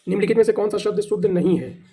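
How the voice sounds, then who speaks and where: Male teacher, high voice with a dark, husky tone, running an exam drill. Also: very fast. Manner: explains by asking and answering his own questions; spells words out letter by letter. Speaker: Hindi teacher. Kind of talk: exam practice class.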